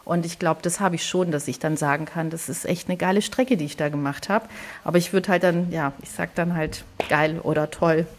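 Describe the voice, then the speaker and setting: A woman of Greek background, co-hosting a podcast, talks casually and thinks out loud with many restarts and quick laughs. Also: low-pitched, steady tone. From Greek family background. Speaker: podcast co-host. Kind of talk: casual conversation.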